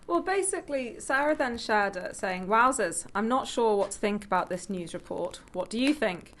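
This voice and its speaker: A woman's voice: medium pitch, lively intonation, moderate pace. Chatty woman podcast co-host. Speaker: podcast co-host and opinion writer. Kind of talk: casual chat and anecdotes.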